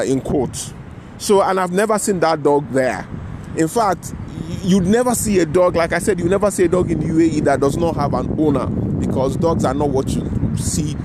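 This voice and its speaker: Vlogger, male, slightly high voice, casual rambling storyteller outdoors with faint traffic behind. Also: warm tone. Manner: rambling, frequent "you know" and "right?" tags. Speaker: vlogger telling a personal story.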